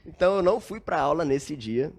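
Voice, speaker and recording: Fairly high-pitched and gravelly, the voice belongs to a young Brazilian man who speaks in an animated, fairly quick way. As a podcast guest in a casual storytelling interview, he reflects earnestly on his story with plenty of filler tags.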